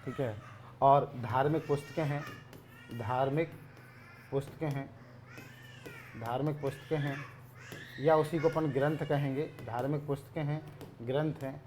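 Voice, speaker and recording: A male teacher giving a grammar lesson, asking questions and answering them himself, repeating key words, often clearing his throat. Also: mid-range voice, steady tone, moderate pace, pauses often, a little mellow, a little hiss or hum.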